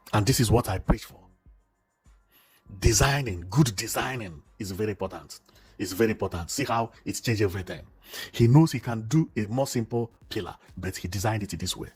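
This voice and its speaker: A man's voice: fairly low pitch, breathy edge. A man narrating a building tour, exclaiming and repeating himself with enthusiasm. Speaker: vlogger.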